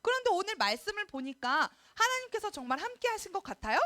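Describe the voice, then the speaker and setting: A woman, a children's pastor, telling a Bible story in a sermon for little children, animated and asking them questions. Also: very high voice, fast talker. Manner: animated, sing-song, asks the children questions.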